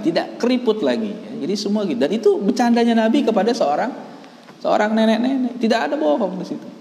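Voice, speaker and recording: Lively Indonesian man teaching in an echoey hall. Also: fairly high pitch. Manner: explains Arabic text line by line, tells stories with acted quotes. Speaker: Islamic teacher. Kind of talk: religious study lesson. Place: mosque or pesantren hall.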